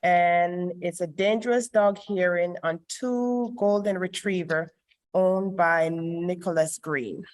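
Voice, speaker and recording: A woman's voice: fairly low pitch, steady tone, slow pace, a little mellow. A woman chairing a city hearing over an online group voice call, speaking formally with frequent ums and small restarts. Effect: voice heard over an online group voice call. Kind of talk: formal meeting chairing and reading into the record.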